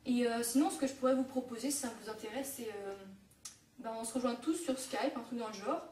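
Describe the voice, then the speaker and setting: A woman's voice: a little high, fairly quick, darkish tone, a little hiss or hum. A young woman from France teaching a casual home-made language lesson, hesitant with many fillers and self-corrections. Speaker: online Japanese teacher. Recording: echoey room, mic at a distance.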